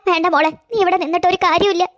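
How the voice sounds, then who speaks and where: A tearful, self-sacrificing cartoon grandmother as a woman puts her on. She coaxes gently in a high voice at a quick pace. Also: fairly even intonation. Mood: sad. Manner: gentle, coaxing. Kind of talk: cartoon voice acting.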